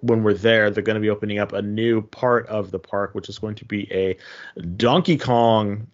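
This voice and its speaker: A man co-hosting a podcast, chatting casually and haltingly, often repeating his phrases. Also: lowish voice, fairly even intonation, dull audio. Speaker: podcast co-host. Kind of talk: casual chat about games and trips.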